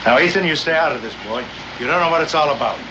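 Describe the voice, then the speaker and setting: A muffled, noisy old western soundtrack carries a male actor as a scheming frontier father. His voice sits rather high for a man, and he argues in wordy, mock-formal phrases, always out for himself. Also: fast talker, natural voice. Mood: argumentative. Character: scheming, self-interested frontier father and horse thief. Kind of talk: 1960s TV western acting.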